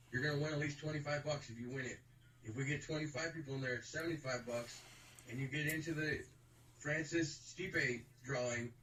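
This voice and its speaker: A man's voice: on the high side, fairly bright tone. A man co-hosting a casual show, chatting and eagerly pushing a promotion. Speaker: co-host. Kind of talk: casual chat. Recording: echoey room with faint noise.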